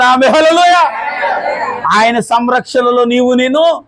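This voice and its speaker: A man, a pastor preaching a sermon and calling for amens from the congregation, switching between loud exclamations and slow, low phrases. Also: low-quality recording. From India. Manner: call-and-response preaching, urging amens.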